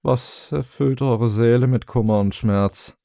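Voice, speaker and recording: A man reading a storybook, voicing a stooped old village man who asks his questions slowly and with measured wonder. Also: mid-range voice, vocal fry, warm tone, dry recording, studio quality, voice pushed up. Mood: puzzled.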